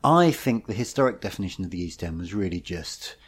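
A man's voice: sits low, lively intonation, a little fast, slightly rough. A man hosting a podcast, wry and teasing, talking in rambling casual chat. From East London outskirts. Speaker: podcast host.

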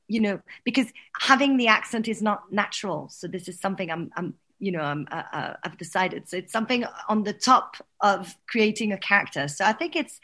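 French actress guest, casual and halting, repeats words, laughs often. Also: female voice, medium pitch, fairly bright tone. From Paris, France. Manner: hesitant, many restarts and repeated words; laughs often while talking. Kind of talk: casual interview chat.

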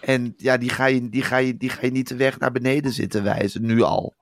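Gravelly-voiced guy, deadpan cohost, dry close mic. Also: mid-range voice, dry recording. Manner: deadpan, agreeable, quick replies. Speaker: podcast co-host. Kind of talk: comic banter.

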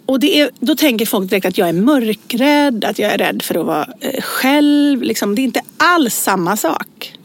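Woman chatting away, a bit high-pitched, acts out voices in her stories. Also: few pauses. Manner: animated storyteller, acts out voices in anecdotes. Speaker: podcast co-host. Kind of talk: casual chat.

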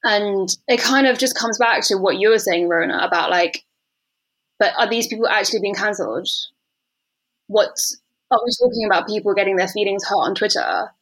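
Woman, average pitch, hesitant conversational opinion-giver. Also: expressive, fairly bright tone, rough recording. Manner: halting, many fillers and restarts. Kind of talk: casual discussion.

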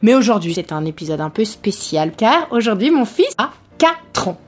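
A woman in her thirties hosts a family podcast, chatting playfully and with emotion. Her pitch swings widely, and music plays clearly behind her. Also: very animated, normal speed. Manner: playful and emotional, with exaggerated voices. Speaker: podcast host. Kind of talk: casual chat.

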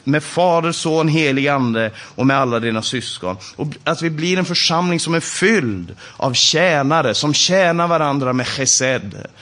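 A man's voice: mid-range voice, a bit bright. A man teaching from the Bible in a sermon, emphatic and building on repeated phrases.

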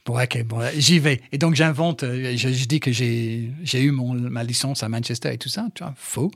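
A middle-aged man from England, a podcast guest, telling stories in French with an English accent, animated and full of restarts. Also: medium pitch, moderate pace, vocal fry, no echo, studio quality. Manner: animated storyteller, fillers and restarts. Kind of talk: casual conversation. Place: studio.

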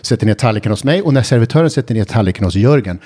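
A man who travels for a TV show, chatting casually and telling an animated story, shouting and mimicking when he gets excited. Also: mid-range voice, slightly rough. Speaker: TV travel presenter and guest storyteller.

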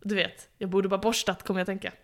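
A woman's voice: mid-range voice, level tone. A woman co-hosting a podcast in casual chat, playful and teasing, often laughing. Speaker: podcast co-host.

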